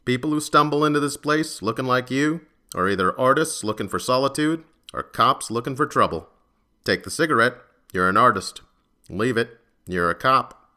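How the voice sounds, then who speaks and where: A man voicing a fat, gruff middle-aged bartender who talks in a grumbling, shrewd way, in an audio story. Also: medium pitch, animated, normal speed, sharp tone. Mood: gruff, wry.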